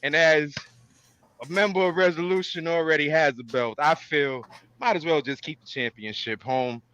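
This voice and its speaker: A man's voice: fairly high pitch, moderate pace, a bit bright, low-quality recording. A man hosting a casual wrestling fan podcast in a showy, theatrical manner with ring-announcer flair. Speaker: podcast host.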